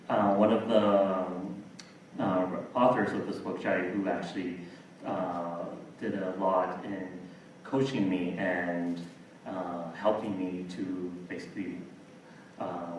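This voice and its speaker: Deep-voiced guy at a seminar panel, halting with lots of ums, echoey room, mic far off. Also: slight background noise. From Taiwan. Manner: halting, many fillers. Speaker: panel speaker. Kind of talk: seminar talk.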